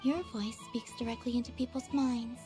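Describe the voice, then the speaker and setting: Innocent young maiden acted by a woman, high and understated, anime game style, music underneath. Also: steady tone, normal speed, lightly acted. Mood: puzzled. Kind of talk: anime-style video game character acting. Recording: music behind voice.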